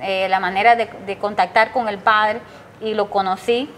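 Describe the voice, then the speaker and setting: A middle-aged Cuban woman, the mother of a jailed protester, is interviewed and gives an emotional personal testimony about her son. Her voice is steady, fairly bright and moderately paced as she recounts events in long runs, and she acts out her son's words in a raised pitch.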